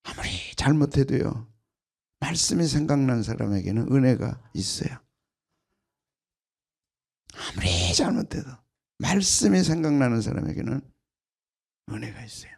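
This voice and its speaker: A man preaching an early-morning prayer sermon as senior pastor, emphatic and repetitive, with sudden loud bursts and soft drops. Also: mid-range voice, expressive, moderate pace, creaky, pauses often, slightly rough.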